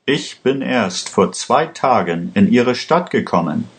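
A man voicing a desperate accused man who pleads and shouts in court. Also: mid-range voice, lively intonation, takes it slowly, pitched above the performer's own voice. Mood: pleading, urgent. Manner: urgent, pleading, often shouting.

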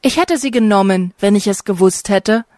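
A woman voicing a friendly, eager young man in a slow storybook reading. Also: medium pitch, darkish tone, no echo, clean studio sound, lightly acted.

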